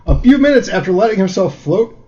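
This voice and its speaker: A man co-hosting a comedy podcast, joking and rambling with plenty of fillers. His voice sits a little high and swings widely in pitch as he jokes and reads aloud. The recording sounds dull and lo-fi. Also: sing-song, quick pace, mellow. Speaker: podcast co-host. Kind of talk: casual comedic chat and reading aloud.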